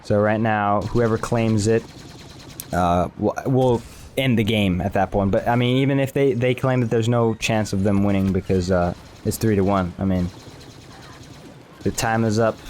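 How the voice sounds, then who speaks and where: A man's voice: lowish voice, moderate pace, darkish tone, a little hiss or hum. A man casually commenting over his own gameplay footage as a channel host, rambling with many restarts.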